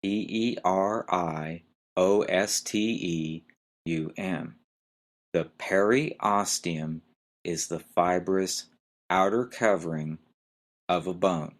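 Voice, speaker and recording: A man's voice: low-pitched, slow. A man hosting a medical terminology podcast, spelling each term letter by letter and pointing out where the stress falls. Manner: spells words letter by letter and stresses syllables carefully. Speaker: podcast host teaching medical terms. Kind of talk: slow spelled-out lesson.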